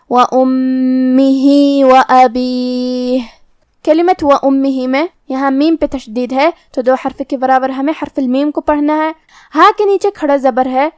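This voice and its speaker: A woman with a high voice teaches recitation rules in a slow, methodical tutorial. She is close to the mic in a dry, deadened space, and she carefully walks through each letter's pronunciation. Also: darkish tone, dry recording. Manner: explains pronunciation rules step by step. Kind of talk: tajweed lesson with slow recitation.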